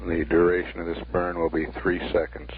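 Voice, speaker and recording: Male mission control announcer, extremely deep and monotone, deadpan factual updates on a tinny 1960s broadcast line. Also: fairly quick. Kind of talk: formal spaceflight status commentary. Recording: narrow 1960s broadcast line, faint noise.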